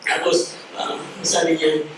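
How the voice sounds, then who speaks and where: A Filipino man preaches a sermon in a fairly high voice, telling a story and playing its characters in switched Tagalog and English. He sounds far from the mic, in a very echoey hall with a faint hiss behind him. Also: monotone, slow pace, fairly bright tone. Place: church hall.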